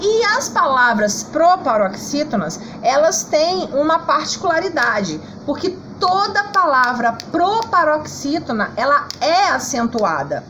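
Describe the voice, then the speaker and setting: A high, animated voice from a Brazilian woman teaching children online. She talks slowly and patiently, stretching syllables out and checking in with the class after each point. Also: slight background noise, rough recording. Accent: Brazilian Portuguese. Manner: slow, patient, sings out syllables to show stress; checks in often with "tá?" and "ó". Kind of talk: online lesson for schoolchildren.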